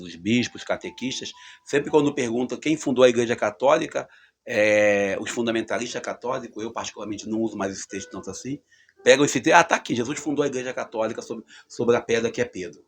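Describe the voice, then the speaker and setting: A man's voice: lowish voice, a little hiss or hum. A man giving a conversational gospel reflection, with fillers and emphatic rises. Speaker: preacher.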